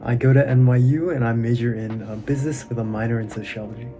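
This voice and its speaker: A man's voice: medium pitch, fairly even intonation, fast. A twenty-year-old man introducing himself casually, hesitant and full of fillers. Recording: dull lo-fi sound.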